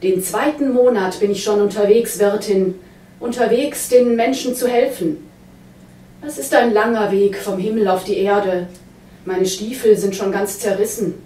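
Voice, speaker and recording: A woman's voice: mid-range voice, a little slow, dark tone, close to an everyday voice. A woman reading a sly wandering trickster. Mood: sly solemn. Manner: mock-solemn, wheedling storyteller. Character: sly wandering male trickster posing as heavenly messenger. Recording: roomy hall, voice from a distance.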